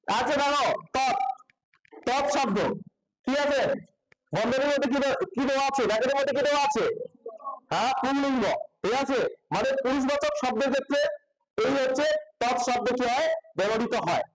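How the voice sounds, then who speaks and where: High-voiced man teaching a class. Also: fairly quick, pauses often, low-quality recording. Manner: keeps asking the class questions and repeating answers. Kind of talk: classroom Sanskrit grammar lesson.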